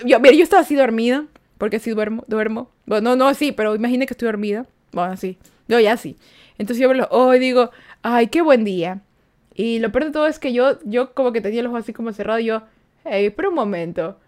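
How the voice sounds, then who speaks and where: A woman hosting a live stream and podcast, chatting casually and acting out little dialogues with jumps in her voice. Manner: animated, acts out little dialogues with jumps in pitch. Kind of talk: casual chat with live viewers.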